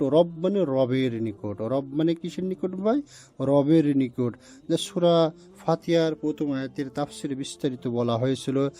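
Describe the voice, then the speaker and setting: A man teaching the Quran word by word, drawing out Arabic forms slowly and often asking his listeners questions. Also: fairly high pitch, mellow. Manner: slow, drawn-out recitation of Arabic forms, repeatedly asks "ভাই".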